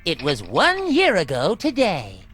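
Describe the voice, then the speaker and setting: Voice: medium pitch, huge pitch swings, a little slow, fairly bright tone. An actor playing a prim, self-important young prince of hell and ringleader, officious and pompous, in a video game. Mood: haughty. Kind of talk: video game character acting. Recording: music behind the voice.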